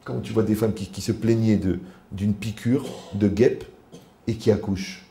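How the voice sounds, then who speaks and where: A man, a rabbi, giving a lively conversational Torah lecture, animated and teasing as he acts out little dialogues. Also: on the low side, normal speed, reverberant.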